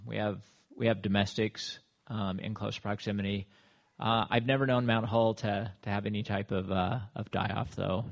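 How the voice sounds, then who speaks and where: Gravelly man giving a halting talk. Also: fairly low pitch. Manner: halting, many fillers and restarts, storytelling. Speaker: wildlife manager giving a presentation. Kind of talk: presentation to an audience with slides.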